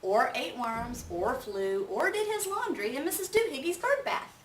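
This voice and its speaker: A stern storybook mama cat voiced by a woman scolds emphatically, rattling off lists as she lectures. Her pitch leaps on stressed words, heard in a roomy, slightly distant recording. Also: big pitch swings, normal speed. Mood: scolding. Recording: roomy, distant mic with faint noise.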